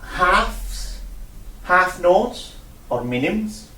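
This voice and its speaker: A man's voice: sits high, expressive, very slow, pushed and bright. A man teaching a one-on-one music lesson, patient, repeating himself and counting out rhythms. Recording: roomy sound from a distant mic.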